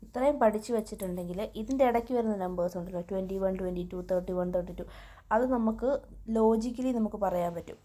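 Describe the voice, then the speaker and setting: A woman's voice: medium pitch, fast, dark tone. A woman teaching a German lesson online, patiently explaining step by step and reading the numbers aloud for learners to repeat.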